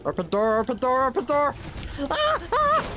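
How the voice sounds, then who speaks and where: Stitch the small mischievous cartoon alien, as a gamer puts him on, excitable yelps, third-person talk, slow unhurried delivery, let's play commentary. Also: medium pitch, background noise, close to an everyday voice. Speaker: gaming channel host.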